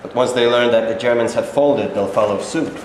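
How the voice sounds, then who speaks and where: A man's voice: medium pitch, fairly quick, a little mellow, natural voice. A man playing a formal army general in a staged play reading, speaking in declarative phrases in an echoey hall. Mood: formal, assured. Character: General Marshall, formal male army commander. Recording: echoey hall, clear noise.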